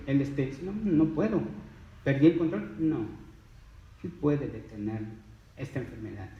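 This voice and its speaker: A man's voice: mid-range voice, reverberant, far from the mic, dull audio. A man preaching a sermon, emphatic and full of rhetorical questions.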